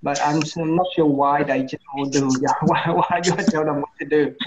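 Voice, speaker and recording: A man's voice: fairly high pitch, steady tone, normal speed, heavy background noise. Man giving hesitant feedback, lo-fi. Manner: hesitant, repeats and restarts words, many fillers. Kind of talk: casual classroom feedback.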